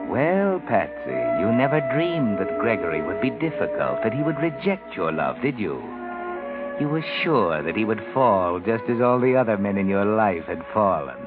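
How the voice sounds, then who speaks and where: A sly, mocking mystery narrator. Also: male voice, fairly low pitch, very animated, moderate pace. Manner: sly, insinuating address. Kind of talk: 1940s radio acting. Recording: tinny old radio with loud music.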